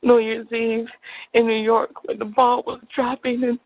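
High stoner lady rambling slow and loose, bit husky, phone sound. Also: level tone, dry recording. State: high on weed. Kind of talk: relaxed first-person monologue on a call-in. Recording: thin, narrow phone line.

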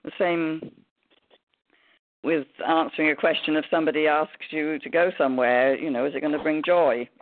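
A man's voice: on the high side, steady tone, normal speed, no echo. Chatty man on a tinny phone line. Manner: rambling, chatty. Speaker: call participant. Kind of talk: casual group call chat.

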